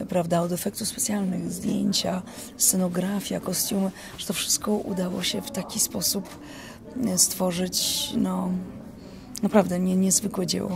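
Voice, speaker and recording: A woman with a low, gravelly voice speaks in a flat, even tone. She lists things slowly and carefully. A crowd murmurs clearly behind her. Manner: measured, listing slowly. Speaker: actress interviewee. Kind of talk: casual interview.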